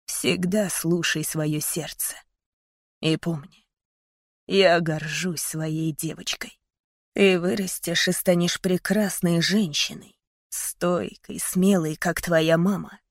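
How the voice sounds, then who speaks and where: A woman reading the part of a gentle dying father in a soft, hushed, tender voice. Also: on the low side, fairly even intonation, slow, dry recording, clean studio sound. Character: gentle dying father, middle-aged man. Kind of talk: audiobook character voice.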